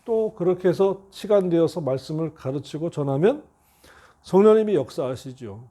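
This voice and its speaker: A middle-aged male pastor preaching a sermon, telling a story and reading scripture slowly and earnestly. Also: fairly high pitch, animated, mellow.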